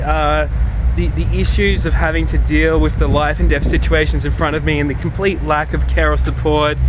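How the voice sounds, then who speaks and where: An Australian man giving a casual, blunt and sweary monologue as a vlogger, rambling as if drunk. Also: on the high side. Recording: noisy outdoor recording with traffic.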